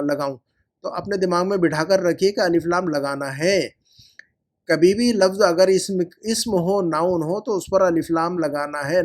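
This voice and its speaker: A male Arabic teacher going over homework in an online lesson, explaining in Hindi-Urdu sprinkled with English and repeating words slowly for drilling. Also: high voice.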